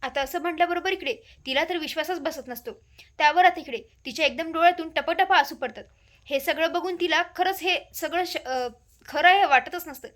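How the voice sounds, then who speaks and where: Woman recapping a tv serial, rambly run-on telling, really high voice. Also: brisk, a bit bright. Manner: repetitive, run-on narration. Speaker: storyteller. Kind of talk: casual retelling of a TV serial.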